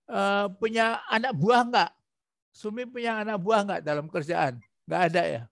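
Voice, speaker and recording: A man training a student in preaching, asking patient prodding questions and acting out gentle examples. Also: high-pitched, normal speed, creaky, no echo, studio quality. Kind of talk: coaching a student in preaching practice.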